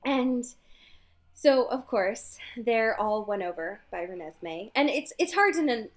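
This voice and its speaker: Chatty and casual, a young woman co-hosting a book podcast runs through the chapters while laughing and swearing often. She speaks a little slowly, in a slightly high voice with lively intonation.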